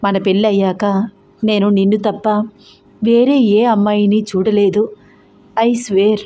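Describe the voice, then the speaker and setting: A woman's voice: medium pitch, fairly even intonation, moderate pace, mellow, natural voice. A woman voicing a young husband who pleads and tries to explain himself, in an emotional audio story. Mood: tearful.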